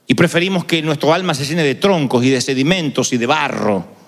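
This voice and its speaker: A male pastor preaching an animated sermon and switching between acted voices. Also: a little high, brisk, vocal fry. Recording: long hall reverb.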